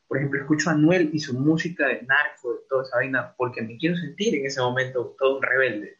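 A man hosting a casual podcast, playful and teasing, full of quick asides. His voice sits at a middle pitch. The recording sounds a little dull and lo-fi. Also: a bit bright. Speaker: podcast host.

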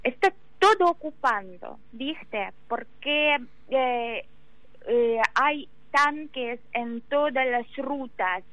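High-pitched Ukrainian woman, halting and slow. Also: expressive, no room sound, dull audio. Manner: halting, searching for words in non-native Spanish. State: emotional. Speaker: interview guest. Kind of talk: halting spoken testimony in an interview.

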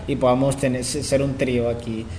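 A man's voice: mid-range voice, flat delivery, fairly quick, warm tone, a little hiss or hum. A young man hosting an amateur internet radio show in casual joking chat, playful and often laughing, repeating himself. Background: music.

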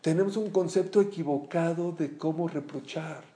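A man giving an animated, storytelling Torah lesson as a rabbi, often asking his listeners questions. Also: on the high side, normal speed. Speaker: rabbi teaching a Torah class.

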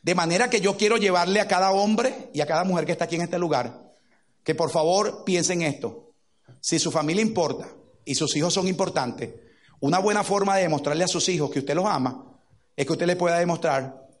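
A middle-aged man with a notably high voice delivers a sermon as a pastor. He tells stories in an animated way and acts out what people said along the way. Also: fairly quick. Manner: animated storytelling with acted-out quotes.

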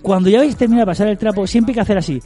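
A man spins jokey stories in a relaxed podcast chat. He talks fast in a somewhat raised voice. Soft music sits faintly underneath. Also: sits high. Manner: joking storyteller, acts out dialogue. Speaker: podcast co-host.

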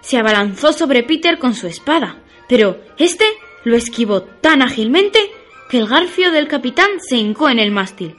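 A woman narrating a children's story on the radio in a lively, expressive way. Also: fairly high pitch, normal speed, faint music behind.

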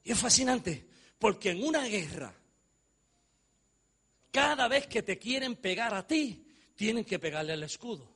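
Male preacher, high, bright and husky voice, dramatic sermon delivery that drops low and then shouts. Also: very animated, a little slow, pauses often. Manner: swings from hushed to shouting, jokes with the audience.

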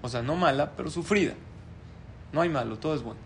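A rabbi teaching a class and telling a parable in an animated storytelling manner. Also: male voice, fairly high pitch, fast, gravelly, a little hiss or hum. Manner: animated storyteller, lively voice changes.

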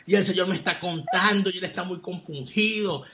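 A man voicing an excitable middle-aged friend, first urgent and then gleeful as he retells the scene. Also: sits high, brisk, lo-fi sound.

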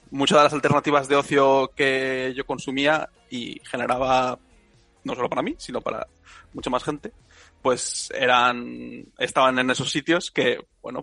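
A man's voice: medium pitch, level tone, moderate pace, creaky, a bit bright, no echo, soft background music. A man in his twenties from Spain, a researcher answering radio interview questions with frequent hesitations and restarts. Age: 20s. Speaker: guest, researcher.

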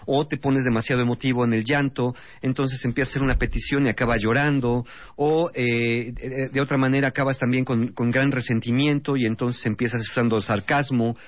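A man walks through his points in a calm, explanatory way, stacking example after example like a guest expert on a radio talk show. His voice sits in the middle range. It comes through dry and a little dull, the way a broadcast radio studio sounds. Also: mid-range voice, fairly quick, no room sound.

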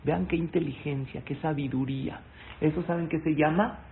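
A man giving a sermon, telling stories in an animated way and asking his audience questions. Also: on the high side, moderate pace, vocal fry. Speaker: rabbi giving a talk. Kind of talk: live-streamed sermon with storytelling. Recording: tinny phone-like sound, faint noise.

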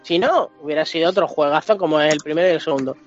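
On a video game podcast, a man with a Spanish accent from Spain chats casually and bluntly, swearing freely and stressing his words. His voice sits on the high side and he talks very fast. The recording sounds dull and lo-fi, with music playing behind him.

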